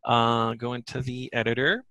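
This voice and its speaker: Guy doing a live software demo on a webinar, bright dry voice, kinda thinking out loud. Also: mid-range voice, fairly even intonation, normal speed, dry recording. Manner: thinks aloud while demonstrating. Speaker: software trainer. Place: indoor webinar, screen share.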